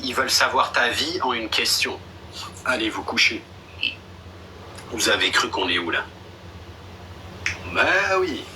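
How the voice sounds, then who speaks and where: A man's voice: lowish voice, pushed and bright. A young man chatting casually on a live stream, blunt and slangy, with a dismissive streak. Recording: a bit distant with faint background noise.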